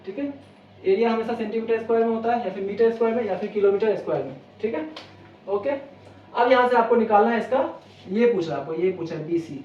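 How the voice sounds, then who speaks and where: Quick and high-voiced, a man leads a maths lesson for exam preparation, going step by step and echoing each question back to the viewer before he answers it. The audio comes across distant and roomy, lo-fi and dull, with a little background noise.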